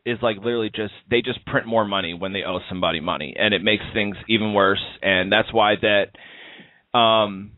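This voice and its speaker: A man's voice: lowish voice, fairly even intonation, moderate pace, no echo. Rambling man on a tinny call. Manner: rambling, many fillers and restarts. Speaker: podcast host. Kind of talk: casual chat. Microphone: internet call over wireless. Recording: tinny Skype call audio.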